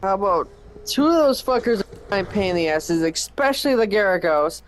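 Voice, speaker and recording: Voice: mid-range voice, animated, fairly quick. A friend on voice chat talking casually, grumbling about a game and swearing heavily.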